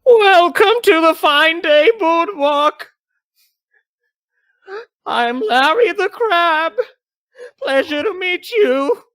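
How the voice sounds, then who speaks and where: A man voicing a jittery young man in a crab mascot costume, forcing a high, strained cheer. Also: animated, drawn-out words, long pauses, fairly bright tone, no echo, heavily acted. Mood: cheerful.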